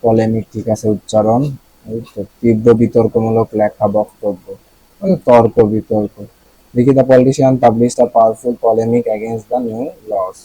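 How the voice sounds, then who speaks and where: Young Bangladeshi man, husky low tutor voice, casual and repetitive. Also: little pitch movement, unhurried, mellow, rough recording. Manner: casual, repeats words, asks the listener questions. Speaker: vocabulary teacher. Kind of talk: explaining vocabulary.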